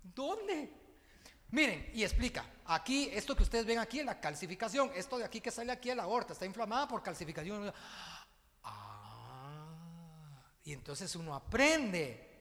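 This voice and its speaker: A man's voice: high voice, big pitch swings, moderate pace, fairly bright tone, long reverb tail. A man, a pastor preaching a sermon who tells a story and then rouses his church into repeating after him. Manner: storytelling then rousing call-and-response preaching. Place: church hall.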